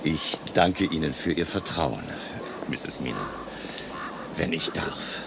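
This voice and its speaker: An actor playing an elderly, eccentric professor in a German radio drama, emotional and courteous, theatrical and ruminative with rhetorical questions. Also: male voice, extremely low pitch, lively intonation, slow pace, gravelly, background noise, heavily acted. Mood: gentle, reflective. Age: older.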